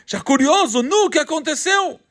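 A man's voice: very high voice, animated, normal speed, fairly bright tone, voice pushed up. A man voicing a grown rabbi who prompts with curiosity. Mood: curious.

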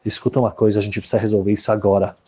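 A man voicing a grave older rabbi who scolds quietly and firmly. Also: on the low side, flat delivery, racing, slightly rough. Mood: stern. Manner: firm, hushed, admonishing. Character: stern older male rabbi, firm and grave.

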